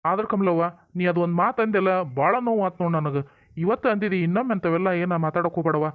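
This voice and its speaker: Actor as a firm North Karnataka village elder, high and quick, tinny dry sound. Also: male voice, no room sound, lightly acted. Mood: soothing. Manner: firm, scolding, then soothing. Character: stern but caring village father-in-law. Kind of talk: village comedy drama acting.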